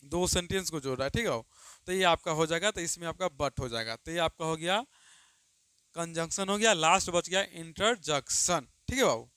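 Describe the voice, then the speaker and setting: A man with a high, bright, ringing voice teaching grammar, who keeps quizzing his students and answering himself. He draws out dictated examples slowly, calling everyone "babu". The sound is close and dry. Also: clean tone, no room sound. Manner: repeats questions and answers them himself, calls students "babu"; drawn-out dictation of example sentences. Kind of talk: Hindi grammar lesson.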